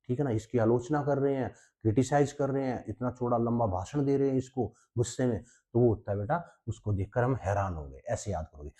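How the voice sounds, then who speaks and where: With a mid-range voice and a dark tone, an Indian English-accented man runs an exam-prep vocabulary class. He blends Hindi with English, relies on mnemonic tricks, and keeps checking on students with a repeated "ठीक है ना".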